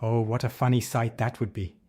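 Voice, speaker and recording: A man voicing a playful, mischievous young shepherd boy in a children's storybook, shouting in a raised voice. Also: flat delivery, a little fast, no room sound, close to an everyday voice. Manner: shouting, giggling, high-pitched.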